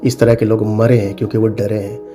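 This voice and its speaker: A middle-aged Pakistani man, a cyber security consultant who hosts advice videos, talks informally to viewers with music in the background. His voice is lowish and a little fast with little pitch movement. He's emphatic, repeats his warnings, and slips in English phrases.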